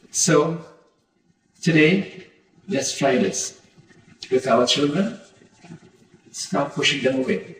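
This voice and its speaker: Middle-aged male pandit addressing a congregation, earnest and direct, from a distant mic in a very reverberant hall. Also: fairly high pitch. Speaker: pandit giving a lecture. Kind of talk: devotional talk to a congregation. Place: community temple hall. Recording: very echoey hall, voice from far off.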